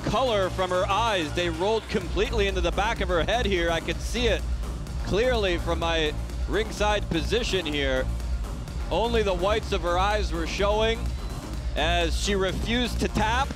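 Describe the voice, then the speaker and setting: A man's voice: high-pitched, a little slow, music in the background. A man giving dramatic, emphatic MMA commentary as a ringside commentator.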